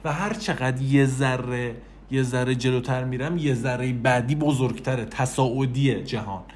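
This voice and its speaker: Guy doing a pep talk, talks right at you, lots of repeats, bit of hiss behind. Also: medium pitch. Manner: animated, repetitive, addresses listener directly. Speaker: self-help speaker. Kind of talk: motivational talk.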